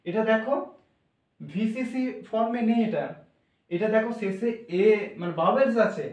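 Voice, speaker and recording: A man with a high voice explains English pronunciation, slowly sounding out each letter and repeating himself patiently. He is heard from a distance in a roomy, echoing space. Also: expressive. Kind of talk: classroom explanation. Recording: echoey room from far off.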